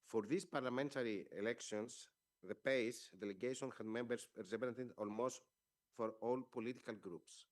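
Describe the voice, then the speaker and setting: A man from Greece with a Greek accent and Greek as his first language, leading a parliamentary delegation and giving a formal press conference statement in measured speech with frequent hesitations. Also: mid-range voice, steady tone.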